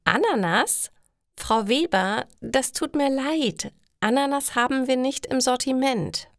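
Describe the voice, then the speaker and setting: A woman's voice: high voice, lively intonation, slow, dry recording, clean studio sound, voice pushed up, full character voice. A woman voicing a polite young woman taking pizza orders, speaking in an accommodating way. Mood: apologetic.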